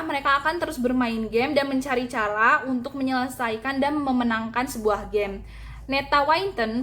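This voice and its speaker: A woman's voice: high voice, fairly bright tone. A young woman from Indonesia, a university student, reading a class speech earnestly, with some filler sounds and restarts. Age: young adult. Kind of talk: class speech, read aloud.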